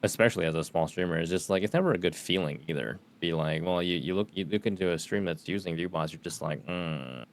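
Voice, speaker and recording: A man's voice: low-pitched, fast, creaky, few pauses. A man guesting on a podcast, chatting in a laid-back way, laughing often and stammering on restarts. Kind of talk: casual chat.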